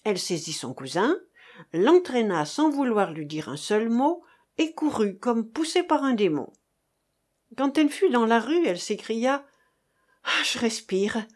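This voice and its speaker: A woman reads a novel chapter aloud in a measured, dramatic way, taking her time over each phrase. Her voice sits fairly high, and the slow pace leaves room for the tension to build. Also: big pitch swings, darkish tone. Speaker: audiobook narrator. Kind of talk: scripted narration.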